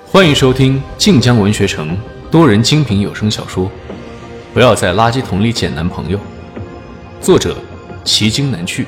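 A man with a fairly low voice presents an audiobook drama. His delivery is scripted and dramatic, over faint New Age music. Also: animated, moderate pace. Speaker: audiobook voice actor reading the credits. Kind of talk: scripted introduction and dramatic reading.

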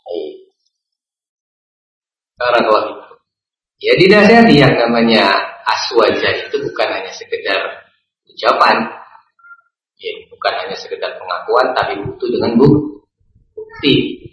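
Man preaching with pauses, roomy lo-fi sound. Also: lowish voice, sing-song, a bit bright. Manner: repeats a set blessing, slow pauses, asks and answers himself. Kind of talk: religious lecture. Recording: roomy, dull lo-fi recording.

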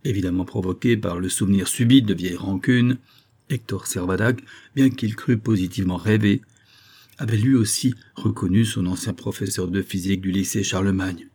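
A man narrating an audiobook in a measured, expressive reading. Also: low-pitched, husky.

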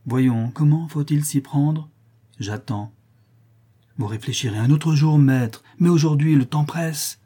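A man's voice: medium pitch, moderate pace, warm tone, breathy edge, close to an everyday voice. A man voicing a fervent, greedy young male disciple of an alchemist, in an imploring, feverish manner. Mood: eager. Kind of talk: audiobook character reading.

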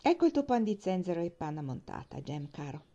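A woman's voice: lowish voice, very animated, fairly quick, mellow, lo-fi sound. A woman voicing a fond, protective housekeeper who speaks bluntly and affectionately.

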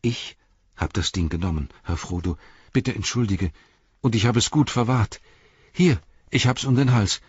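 A man's voice: fairly low pitch, moderate pace, breathy edge, no room sound. A man reading an audiobook, voicing a loyal, plain-spoken male hobbit servant who talks earnestly and reassuringly, in a dull, dry recording. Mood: gentle.

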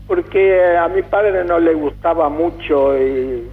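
An older man from Calabria, Italy, reminiscing as a radio interview guest, halting and full of fillers. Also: on the high side. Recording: tinny phone-like radio sound.

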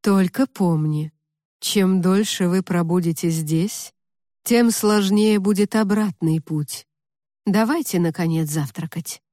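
A deathless old lord speaks low and unhurried, as a woman reading the audiobook puts him on, his voice hushed yet commanding. The tone is mellow and dark, close and dry. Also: no room sound. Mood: calm, paternal. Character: ancient male lord of the underworld, calm and commanding.

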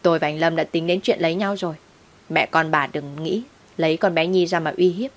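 A woman voicing a loud, aggressive young woman who picks fights. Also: low-pitched, a little fast, lightly acted. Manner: shouting, aggressive.

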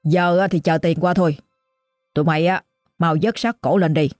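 A woman's voice: fairly low pitch, fairly even intonation, darkish tone, dry recording, clean studio sound, soft background music, close to an everyday voice. A woman voicing a greedy, ruthless middle-aged boss who haggles harshly. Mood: smug. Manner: gruff, hectoring, rapid.

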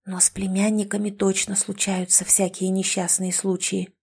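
A woman reading the lines of a feisty, sarcastic young woman in an audiobook, a touch higher than her own voice. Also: monotone, a little mellow, slightly rough. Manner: quick-tempered, mocking.

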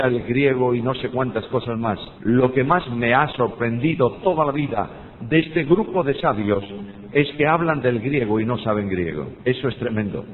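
An older man with a Spanish accent from Spain teaches about preaching, speaking emphatically and putting rhetorical questions to his listeners. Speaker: Bible teacher. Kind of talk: teaching on preaching, with personal anecdotes. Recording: tinny phone-like audio with long hall reverb and faint rumble.

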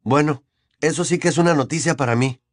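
A man's voice: on the high side, brisk, no room sound, clean studio sound, pitched above the performer's own voice, close to an everyday voice. A man voicing a sullen, defiant teenage boy wizard in an audiobook, cold and resigned. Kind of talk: audiobook character voice.

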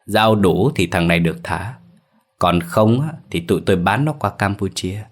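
A man's voice: low voice, moderate pace. A man voicing a cold, sneering male kidnapper who makes threats. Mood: menacing.

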